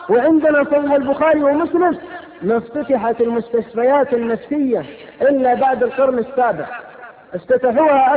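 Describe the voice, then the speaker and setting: A man preaching a sermon, impassioned, rhetorical and scolding. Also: very high-pitched. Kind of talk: fiery sermon. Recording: lo-fi phone-like sound with hall reverb.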